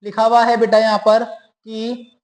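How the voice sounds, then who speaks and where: A man's voice: sits high, level tone, measured pace. A man teaching a class, patiently explaining rules and often checking that students follow. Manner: patient, keeps calling students "beta" and asking questions. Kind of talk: classroom lesson.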